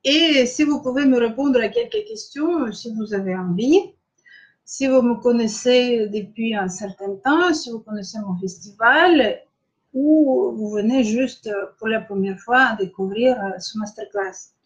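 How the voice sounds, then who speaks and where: A middle-aged woman with a Russian accent leads an online masterclass in a slightly high voice. She talks very slowly and hesitantly, filling gaps with drawn-out pauses. The stream audio sounds dull and lo-fi. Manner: slow, hesitant, with many filler pauses, greeting viewers by name. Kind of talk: live-streamed lecture.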